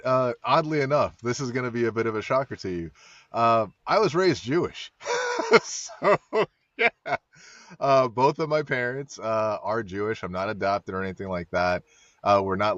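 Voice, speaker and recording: A man's voice: lowish voice, normal speed, fairly bright tone, no room sound. A man appearing as a podcast guest, telling stories in a laid-back way with frequent fillers. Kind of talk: casual conversation. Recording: dull lo-fi dry sound.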